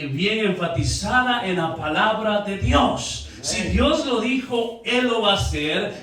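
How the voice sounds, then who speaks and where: A man's voice: high voice, a bit bright. A man preaching a sermon as pastor, reading scripture and asking the congregation repeated rhetorical questions, sometimes calling for applause. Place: church. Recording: echoey church room from a distance.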